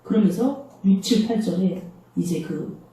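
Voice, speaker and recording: A woman's voice: mid-range voice, a little slow, warm tone, a little hiss or hum. Echoey woman preaching a sermon. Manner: conversational preaching with rhetorical questions. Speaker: pastor. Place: small church hall. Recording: very echoey room, voice from far off.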